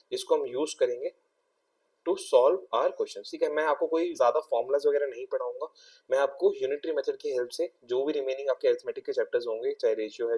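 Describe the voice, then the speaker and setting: A man's voice: medium pitch, mellow, recorded from a distance. A young Indian man teaching a maths exam-prep lesson, explaining step by step and often checking in with his students.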